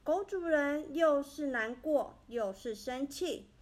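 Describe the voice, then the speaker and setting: A woman narrating a children's story in a gentle, expressive way. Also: high-pitched, slow pace.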